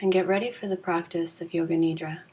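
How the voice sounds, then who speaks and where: Leading a deep relaxation session, this woman speaks in a fairly low voice with a breathy edge. Her yoga nidra guidance is calm and soothing, nearly level in pitch, and paced with relaxed pauses between phrases.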